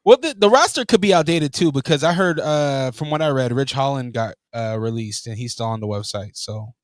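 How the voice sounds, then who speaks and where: A man co-hosting a podcast in casual chat, animated and teasing, laughing often. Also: mid-range voice, brisk, no echo, clean studio sound. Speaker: podcast co-host.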